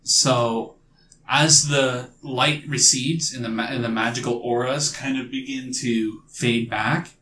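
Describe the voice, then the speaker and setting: A man narrating as game master in a tabletop game, halting and amused as he tells the story. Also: mid-range voice, fairly even intonation, sharp tone, echoey room. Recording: faint room noise.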